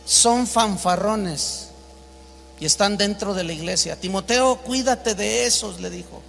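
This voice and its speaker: A man's voice: sits high, unhurried, creaky, a bit bright, long reverb tail, slight background noise. A man with a Mexican Spanish accent preaching an emphatic sermon as pastor, acting out the voices in his stories.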